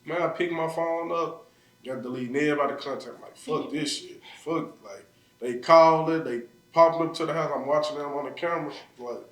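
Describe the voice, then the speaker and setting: A man's voice: fairly high pitch, fairly quick. Memphis guy on a podcast, raw emotional storytelling, says like a lot, mic kinda far off. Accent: Memphis Southern US. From Memphis, USA. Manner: raw, emotional, frequent "like" fillers. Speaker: podcast guest. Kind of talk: personal storytelling in conversation. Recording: roomy sound, mic at a distance.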